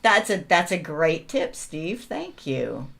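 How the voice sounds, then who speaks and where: A woman's voice: sits low, very animated, takes it slowly, vocal fry, a bit bright. A woman co-hosting a casual video call who thinks aloud and corrects herself as she goes. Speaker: co-host. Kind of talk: casual webinar chat. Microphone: video call mic.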